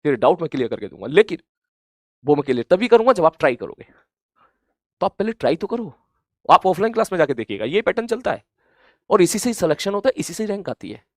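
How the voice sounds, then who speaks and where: A man teaching students in an earnest, gently scolding motivational talk, repeating points for emphasis and rising loud and high when he urges them on. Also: very animated, quick pace, long pauses, no room sound, studio quality. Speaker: coaching teacher.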